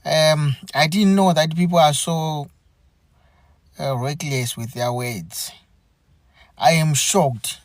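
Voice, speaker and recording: Man, live stream host, slightly high voice, very slow, halting and earnest, dry close sound. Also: fairly even intonation, dry recording. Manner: halting, earnest, repeats himself. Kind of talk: unscripted live commentary.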